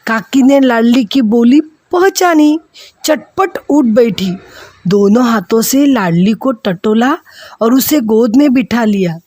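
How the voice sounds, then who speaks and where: A woman teacher tells a story to her class in a slightly high voice. She takes it slowly and acts out each character's lines. The recording is close and dry. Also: dry recording. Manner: slow, expressive storytelling with voiced quotes. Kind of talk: reading and retelling a story for a class.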